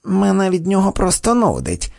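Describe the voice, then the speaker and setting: A man's voice: high voice, huge pitch swings, normal speed, gravelly, darkish tone, voice pushed up, exaggerated voice. A man voicing a spoiled, freckled fat boy who sneers at an actor in an audiobook. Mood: sulky. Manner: sulky, scornful complaints.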